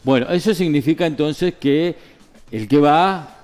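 A man's voice: on the high side, unhurried, darkish tone. A man in his forties with an Argentine accent, hosting a TV studio interview, encouraging with short affirmations. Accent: Argentine Spanish. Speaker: TV host.

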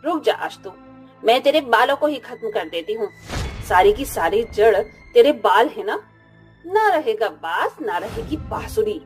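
Shrill cruel mother-in-law. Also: sing-song, unhurried, soft background music. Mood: shrill scolding. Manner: shrieking, taunting, scolding. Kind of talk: animated story voice acting.

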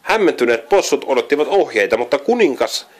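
A man's voice: medium pitch, very animated. A man reading a children's storybook aloud, often stumbling and correcting himself. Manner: frequent slips and self-corrections while reading. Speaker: reader.

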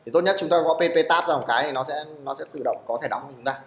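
A man's voice: on the high side, very fast, roomy sound, slight background noise. A man teaching a live programming class in a classroom, checking in with his students again and again. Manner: keeps asking "được chưa?" to check on students. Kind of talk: live classroom coding lesson.

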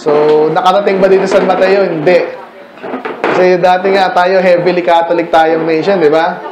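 This church history lecture, given to a mixed room in a church meeting room, comes from a man with a high-pitched voice and a flat delivery at normal speed. He teaches conversationally, uses English terms, and peppers his points with rhetorical questions. The echoey recording carries background noise.

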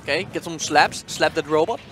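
A man's voice: on the high side, brisk, fairly bright tone, slight background noise. A man giving casual, analytical play-by-play commentary on a fighting-game tournament match. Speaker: esports commentator.

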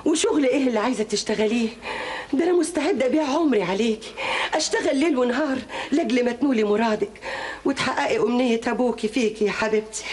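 An actress playing a middle-aged, loving widowed mother with an Egyptian accent, talking warmly and effusively. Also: on the high side, very fast, natural voice. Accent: Egyptian Arabic. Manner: warm, effusive. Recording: roomy, strong music behind.

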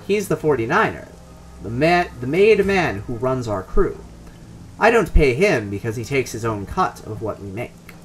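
A man's voice: medium pitch, very animated, moderate pace, slight background noise, close to an everyday voice. A man reading out the lines of a matter-of-fact young male gang foot soldier in a game, in a near-normal voice.

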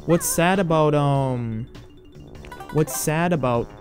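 A man giving casual gameplay commentary as a let's play host, rambling and halting with many fillers and restarts. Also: fairly high pitch, darkish tone, faint music behind.

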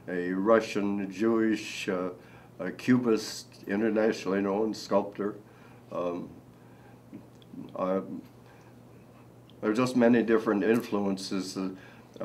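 An older man from Nebraska, an artist talking slowly and haltingly with many fillers in a seated indoor interview. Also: fairly low pitch, darkish tone, a little hiss or hum, rough recording. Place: indoor room.

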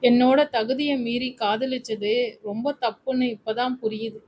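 A grief-stricken young man pours out his despair through tears, voiced by a woman reading a story. The voice stays fairly high. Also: fairly even intonation, normal speed, a little mellow, slight background noise, close to an everyday voice. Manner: despairing, tearful.

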